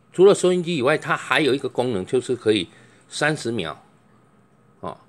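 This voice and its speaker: Deep-voiced male seller, rambling chatty demo that keeps testing mics aloud. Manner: loose, chatty, fills pauses with drawn-out "oh"; tests each mic by calling into it. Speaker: microphone seller. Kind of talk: product demonstration.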